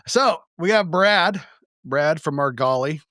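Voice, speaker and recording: Podcast host: man, slightly high voice, casual and profane, dry close sound. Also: sharp tone, no room sound. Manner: loose, profane, rambling with restarts.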